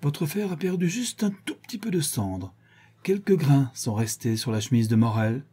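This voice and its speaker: A man's voice: medium pitch, expressive, warm tone, husky, pitched above the performer's own voice. Man voicing a stern, shrewd lady of the house. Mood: cold. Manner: measured, deliberate interrogation. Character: stern shrewd woman questioning her servants, cool and firm.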